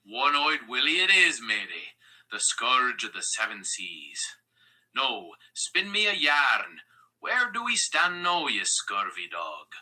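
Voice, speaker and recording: A man's voice: mid-range voice, huge pitch swings, takes it slowly, pushed and bright, slightly rough, exaggerated voice, rough recording. An AI voice of a man playing a swaggering, theatrical pirate captain who talks in hearty pirate slang. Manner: pirate slang, playful grandiose delivery. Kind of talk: AI voice role-play.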